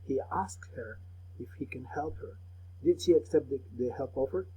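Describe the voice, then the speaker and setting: A man teacher, his voice deeply husky and mellow in tone. He guides a recorded remote lesson patiently, step by step, saying phrases twice so pupils can repeat after him. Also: measured pace, rough recording.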